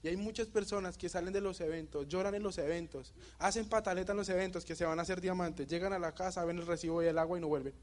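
A young man with a Bogotá Colombian Spanish accent, giving a motivational talk and telling a story with animated energy, often asking the audience questions. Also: sits high, fast, hardly any pauses. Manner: animated storytelling, asks the audience questions, laughs at his own jokes. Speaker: motivational speaker.

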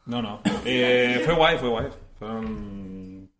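A man's voice: medium pitch, extremely slow, a bit bright. A man giving dry, evasive answers in a casual podcast chat. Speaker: podcast co-host. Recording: roomy echo.

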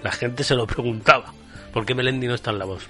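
Bright-voiced jokey man. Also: medium pitch, quick pace, faint music behind. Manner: jokey, laughs often. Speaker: podcast co-host. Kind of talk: casual chat.

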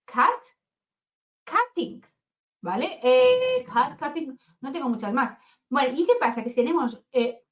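Woman, English teacher, chatty, high voice, muffled lo-fi sound. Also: fairly bright tone. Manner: chatty, asks "¿vale?" often. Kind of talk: online grammar lesson. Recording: dull lo-fi sound.

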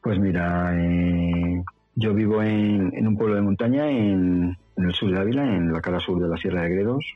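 This clip has the middle-aged interview guest from Madrid, Spain, a rural mountain dweller with a central Spanish accent, casually recounting his life. His voice sits low and moves at a moderate pace without echo. The recording is dull and lo-fi, with faint music.

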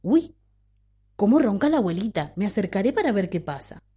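A woman's voice: medium pitch, sing-song, a little fast, dark tone, husky. A woman voicing a curious, bold male hunter in a children's story. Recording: dull lo-fi recording.

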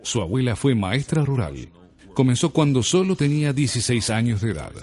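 A man reading a self-help audiobook in a measured, deliberate way. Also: medium pitch, sing-song, a little mellow. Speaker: audiobook narrator. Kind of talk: scripted self-help narration. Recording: long reverb.

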